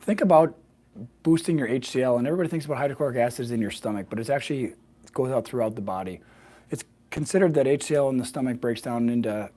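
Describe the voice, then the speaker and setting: A man with a slightly hoarse, froggy voice explaining wellness informally as a presenter on a live video, often adding small check-in questions. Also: medium pitch, fast, mellow. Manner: fluent, explanatory, often checks with "right?" and "okay?". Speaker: health practitioner hosting a weekly wellness video.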